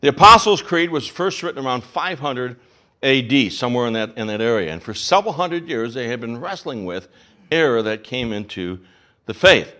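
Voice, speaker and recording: Lively-pitched man preaching a sermon. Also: normal speed. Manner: teaching, with rhetorical questions and repeated phrases. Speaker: pastor.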